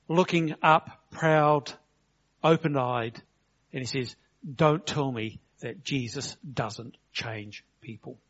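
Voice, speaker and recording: Here a new male preacher from New Zealand delivers a sermon in a conversational way, slowing down for emphasis and acting out quotes. His voice is medium in pitch and fairly bright, heard through a dull lo-fi recording.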